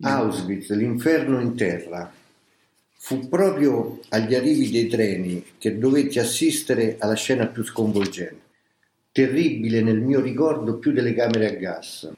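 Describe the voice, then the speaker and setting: A man reading a memoir aloud as scripted audiobook narration, in a slow, grave, measured way. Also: mid-range voice, animated, darkish tone, a little hiss or hum. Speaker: reader of a memoir. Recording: roomy echo.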